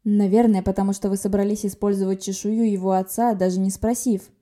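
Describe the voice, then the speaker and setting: Brief: a woman playing a dark-haired young man, reproachful, loud, mellow. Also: medium pitch, little pitch movement, brisk, natural voice.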